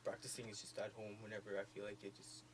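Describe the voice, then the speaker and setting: A teenage boy who beatboxes, talking shyly and softly in a radio interview. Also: on the low side, level tone, quick pace, noisy background. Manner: shy, soft-spoken, laughs a bit. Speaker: student beatboxer.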